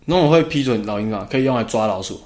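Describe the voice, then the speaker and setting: A man's voice: on the low side, expressive, quick pace, a little mellow. A man co-hosting a podcast, reacting with short, teasing questions in casual chat. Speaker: podcast co-host.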